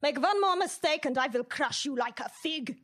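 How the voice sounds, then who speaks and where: A woman's voice: high voice, animated, moderate pace, a bit bright. A woman playing a gloating German villainess. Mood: menacing. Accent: put-on German. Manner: menacing, gloating, cackling. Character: scheming female Nazi villain, vain, theatrical. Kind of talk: comedy audio drama.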